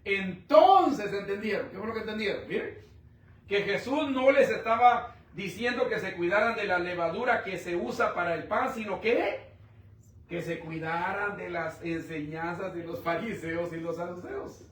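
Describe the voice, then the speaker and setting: Brief: male preacher, high voice, rhetorical questions, loud-to-quiet swings, distant mic. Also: normal speed. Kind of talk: sermon. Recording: echoey room, mic at a distance.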